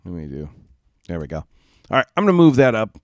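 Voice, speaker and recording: A congested man with a cold, his nose stuffy, talks fast in a sing-song voice on the low side while hosting a live gaming stream. The chat is casual, rambling, and apologetic, packed with fillers and restarts. His home streaming mic captures dry, studio-quality audio.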